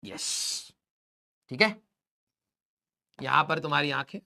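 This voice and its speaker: A man's voice: on the high side, expressive, takes it slowly, creaky, pushed and bright. A male physics teacher giving a joking classroom lecture, roasting his students as he draws. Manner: teasing, roasting students while drawing.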